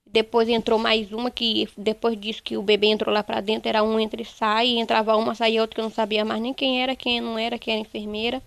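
A young woman, giving a halting, repetitive first-person account in a news interview. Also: a little high, level tone, gravelly, fairly bright tone, dry recording. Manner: halting, repetitive retelling, quoting others. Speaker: interviewee, bereaved mother.

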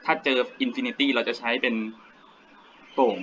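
A man's voice: mid-range voice, steady tone, a little slow, a bit bright. A Thai man teaching a casual math lesson, repeating key points and thinking aloud as he writes. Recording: slightly dull lo-fi recording with faint ambient noise.

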